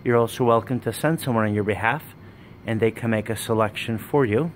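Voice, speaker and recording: A man, running a wholesale business, giving a plain walkthrough sales pitch in a warehouse, listing items one by one while filming on a handheld phone. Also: fairly quick, slight background noise. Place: indoor warehouse with dress racks. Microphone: handheld phone camera, speaker off screen.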